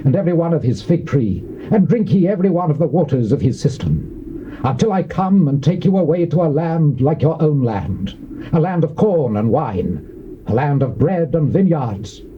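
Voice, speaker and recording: A male actor with a British accent and a slightly high voice plays a boastful, threatening Assyrian envoy. He declaims in taunting, archaic oratory, typical of theatrical biblical drama, in a dramatized scripture reading. The recording is a muffled old cassette with background hiss.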